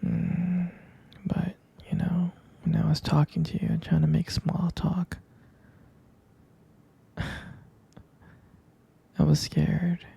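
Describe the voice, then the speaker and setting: In an intimate ASMR roleplay, a man plays a tender, protective vampire boyfriend, his voice a very husky, breathy, very soft and dark murmur thick with creak, pitched on the high side with a level tone. He goes slowly and pauses often, hesitating between affectionate pet names and gentle teasing, sounding fond and teasing in a heavily acted delivery. The recording is muffled.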